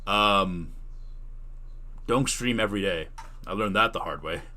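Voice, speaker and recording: Very deep, bright-voiced man streaming casually. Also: unhurried. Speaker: streamer giving tutorial and answering chat questions. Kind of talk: casual livestream Q&A talk.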